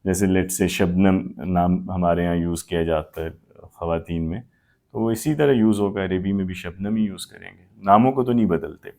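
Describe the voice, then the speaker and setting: Patient low-voiced male grammar teacher. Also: vocal fry, a little mellow. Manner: patient, explains with many examples and fillers. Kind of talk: live class Q&A, explaining.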